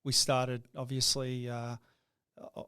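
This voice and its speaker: A middle-aged man, a business owner, talks through his life in a reflective interview, his medium-pitched voice monotone yet bright, forceful, and clean. He speaks haltingly, repeating words as each sentence gets going. The sound is clean studio quality without echo.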